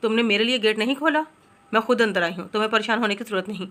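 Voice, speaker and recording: A woman's voice: a little high, racing, a bit bright, natural voice. Woman doing a mischievous young woman. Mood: teasing. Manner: teasing, then pleading.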